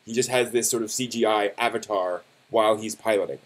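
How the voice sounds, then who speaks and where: A man hosts a live stream of news commentary, speaking casually and conversationally, somewhat haltingly, and often correcting himself. His voice is on the low side with a steady tone.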